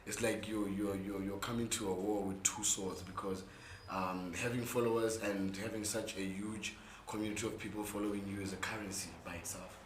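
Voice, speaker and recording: Hoarse, low-voiced young South African man. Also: flat delivery, a little fast. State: hoarse from gigs the day before. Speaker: interview guest, content creator and musician. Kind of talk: casual interview chat. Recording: echoey room with faint background noise.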